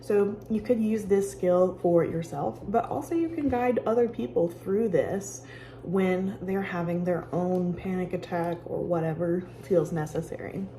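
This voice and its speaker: A woman giving casual, conversational instruction as she guides a calming exercise with personal examples. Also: lowish voice, unhurried, slight background noise. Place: office with sound machines nearby.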